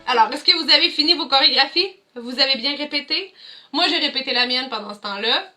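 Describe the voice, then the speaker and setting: A woman's voice: high voice, brisk, sharp tone, faint music behind. A young woman with a Quebec French accent, leading kids through a movement activity from home as a cultural mediator, encouraging and addressing viewers directly. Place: home, indoors.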